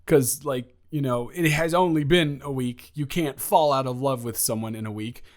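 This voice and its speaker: A young man with a natural, mid-range voice plays an awkward, eager ex-boyfriend in an improvised romantic roleplay audio. He rambles, stammering and halting, sounding flustered and earnest.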